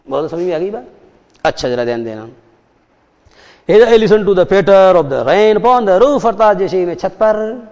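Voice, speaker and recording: A man's voice: high-pitched, a little mellow. A man teaching a lesson, explaining and asking students questions, repeating key points. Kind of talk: classroom lecture. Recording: dull echoey hall.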